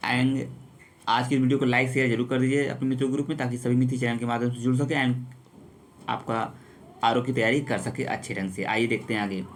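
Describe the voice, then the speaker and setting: A man's voice: medium pitch, flat delivery, brisk. A man teaching an exam-prep lesson, working through quiz questions and often repeating himself and calling his viewers friends. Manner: repetitive, addresses viewers as friends.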